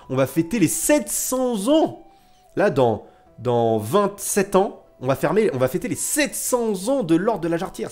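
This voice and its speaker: A livestreamer tells history stories to his chat in a casual, theatrical style, repeating phrases for suspense and emphasis. His voice is a little high with a darkish tone.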